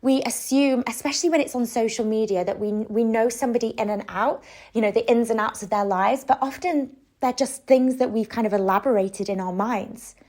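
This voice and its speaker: Higher-pitched woman giving coaching talk. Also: fairly quick, a little mellow. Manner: conversational, encouraging, rhetorical questions. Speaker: self-love coach. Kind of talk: reflective coaching talk to the listener.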